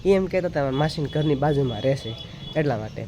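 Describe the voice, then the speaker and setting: A man's voice: mid-range voice, expressive, fast talker, noisy background. A man with a Kathiawadi Gujarati accent, chatting casually through a family vlog, filming on a handheld phone. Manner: chatty, teasing a small child. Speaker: vlogger.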